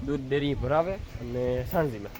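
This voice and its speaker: A casual dairy farm vlogger, speaking in a middle-pitched voice. They chat to viewers and break off to call out to the cattle. Light farm noise and animals sit in the background. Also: expressive, moderate pace. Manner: chatty, calls out loudly to cattle between remarks. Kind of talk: casual vlog narration.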